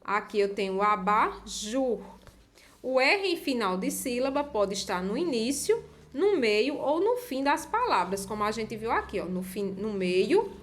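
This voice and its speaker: Woman teacher, somewhat high voice, patient, slow and repetitive, explaining a workbook to children. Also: sing-song. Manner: patient, repeats and stretches words for young pupils. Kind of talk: explaining a textbook exercise to children.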